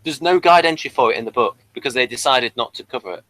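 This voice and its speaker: This man, one of the hosts of a laid-back, unscripted review chat, keeps stumbling and repeating the starts of his phrases as he explains. He speaks quickly with a medium, slightly bright pitch, captured without echo on a low-quality recording.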